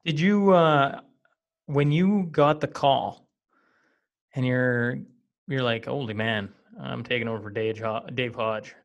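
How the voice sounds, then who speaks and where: A man's voice: mid-range voice, takes it slowly, gravelly, highs cut off. A man from small-town Western Canada hosting an interview, asking loose, rambling questions. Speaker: interview host. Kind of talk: casual interview.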